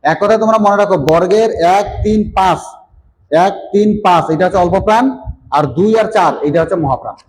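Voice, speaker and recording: A male teacher talks fast through a grammar lesson in a slightly high voice, often asking whether his students follow. Faint background noise sits under his voice. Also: low-quality recording. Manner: explanatory, checks understanding often. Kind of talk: online Bengali grammar class.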